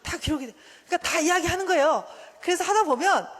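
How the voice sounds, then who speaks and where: A woman's voice: extremely high pitch, fast. A woman giving a church seminar lecture, talking animatedly and acting out bits of dialogue. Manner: animated, acts out quoted dialogue. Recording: long hall reverb.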